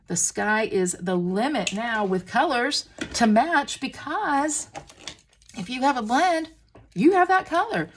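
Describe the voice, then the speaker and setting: This is a woman demonstrating a stamping craft. She gushes over every little detail and keeps chattering while her hands work. Her voice sits at an ordinary pitch but has a gravelly, husky edge. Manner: gushing and excitable, talks while working with her hands. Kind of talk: crafting tutorial.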